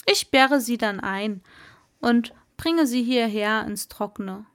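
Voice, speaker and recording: In a storybook reading, a woman voices a sly, jovial old merman, delivering high, loud, lively exclamations at a slow pace in a boastful mood.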